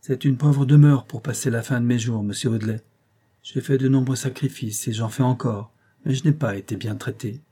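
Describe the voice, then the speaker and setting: A man reading a whining old grandfather in a storybook. The voice is warm and a little husky, and he complains in a fawning, pitiful tone. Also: mid-range voice, brisk, lightly acted. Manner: complaining, ingratiating.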